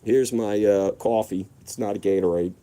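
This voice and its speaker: A man's voice: on the low side, steady tone, moderate pace, mellow. A man telling rambling, profane stories in a laid-back, casual vlog monologue. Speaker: vlogger.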